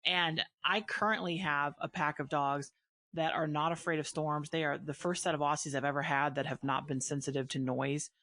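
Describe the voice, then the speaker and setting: A woman's voice: low-pitched, fairly even intonation, normal speed, fairly bright tone, no room sound. A woman hosting a casual conversation, talking earnestly and emphatically and thinking aloud as she goes. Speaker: podcast host and dog breeder.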